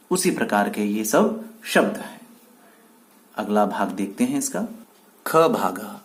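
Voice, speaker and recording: A man teaching a Sanskrit lesson to children, patiently speaking words for them to repeat. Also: medium pitch. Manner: slow, drawn-out syllables when modelling words; patient, addresses children warmly. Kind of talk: children's language lesson with repeat-after-me drills.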